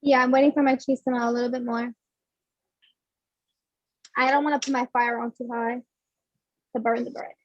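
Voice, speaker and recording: A woman's voice: on the high side, little pitch movement, moderate pace, pauses often, muffled recording. A woman cooking along in a live online class, chatting in an easygoing way.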